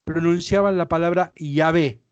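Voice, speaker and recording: A man's voice: fairly high pitch, fairly even intonation, moderate pace, no room sound, highs cut off. A man with a Rioplatense Spanish accent, a priest teaching a Bible class, explaining patiently and often checking that listeners follow. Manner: explanatory, frequent checks like ¿sí? and ¿ven?.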